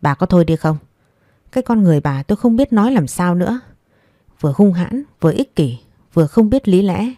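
A woman's voice: lowish voice, lively intonation, a little fast, warm tone, no room sound, clean studio sound, natural voice. A woman voicing a stern old father who rebukes his wife firmly. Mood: angry. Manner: stern, firm, reproachful. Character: stern old father, strict family head.

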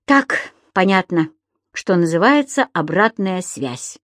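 A woman's voice: on the low side, lively intonation, takes it slowly, fairly bright tone, no echo, studio quality. Woman doing a flustered stammering lodger. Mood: eager. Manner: stammering, hesitant. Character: timid flustered grown man, a lodger.

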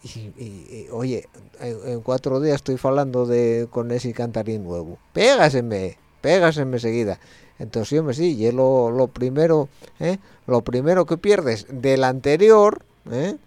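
A man's voice: medium pitch, expressive, unhurried, warm tone, no room sound. A man with an Asturian accent hosting a late-night community radio show, musing in a rambling way with slightly slurred speech and a frequent questioning tag. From Asturias, Spain.

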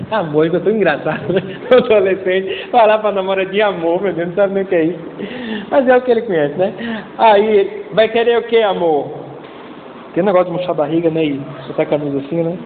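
A man's voice: high voice, a little hiss or hum. A man, preaching a conversational sermon as a pastor, calling out to the congregation and acting out little scenes in different voices. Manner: conversational preaching with acted-out voices and call-and-response. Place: church. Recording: echoey church hall over a tinny line.

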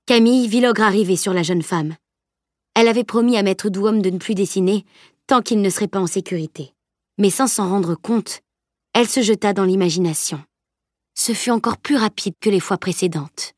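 A woman reads an audiobook aloud in a measured, even manner. Her voice sits at a middle pitch. The recording is close and dry, with no room sound. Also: dry recording. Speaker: audiobook narrator. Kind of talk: scripted audiobook narration.

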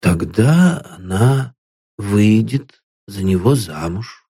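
A man's voice: lowish voice, lively intonation, slow, mellow, husky, dry recording, studio quality, heavily acted. A man reading an audiobook and voicing an elderly, guilt-ridden father who swings between ranting and weak, faltering speech.

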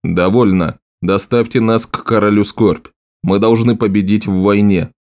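A cold, proud, ambitious general , as a male narrator plays him, lowish and curt. He gives orders in a clipped, commanding way in a fantasy audiobook. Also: steady tone, moderate pace, a little mellow, natural voice.

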